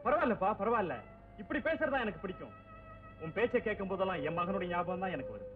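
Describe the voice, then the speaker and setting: A sad fatherly old eye doctor, soft-spoken, high voice that swoops around, tinny old movie sound with music. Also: lively intonation, quick pace. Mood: gentle. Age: older. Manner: gentle, mixes English phrases into speech. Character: grieving older male eye doctor, fatherly. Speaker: eye surgeon.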